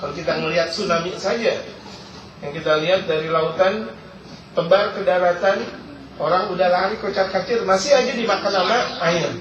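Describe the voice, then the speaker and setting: A man's voice: high voice, a little fast, a bit bright, a little hiss or hum. A man preaching a religious lecture, reading Arabic passages and then explaining them in casual, repetitive speech. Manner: repeats key phrases for emphasis. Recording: roomy, distant, dull lo-fi sound.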